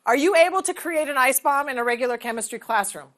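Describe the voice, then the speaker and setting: Her voice is high and fairly bright, with lively intonation and a fast pace, as this teacher trainer in her forties runs a hands-on demo. In the large training room she asks the audience questions and checks in by saying "okay?".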